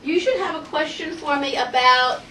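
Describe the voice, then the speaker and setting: A woman teaching a Hebrew phonics lesson to a class, energetic and coaxing, asking the group question after question. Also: high-pitched, moderate pace, slight background noise. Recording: roomy classroom audio from far off.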